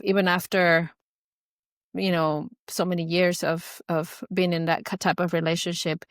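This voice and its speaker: A woman hosting a podcast, speaking gently and reassuringly to her co-host and her listeners. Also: on the low side, no room sound, studio quality. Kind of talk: supportive podcast conversation.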